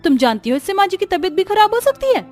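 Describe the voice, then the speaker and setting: A woman's voice: very high-pitched, very animated, fast talker, darkish tone, soft background music. A woman voicing a scheming young sister-in-law who mocks and frames the new bride. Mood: sly. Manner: sneering, mocking. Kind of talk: dubbed cartoon story voice.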